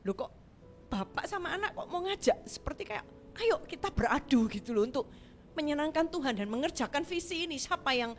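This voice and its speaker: A woman's voice: high voice, lively intonation, a little fast, slight background noise. Earnest woman recalling a moment. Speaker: pastor's wife sharing a testimony. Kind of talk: sermon testimony.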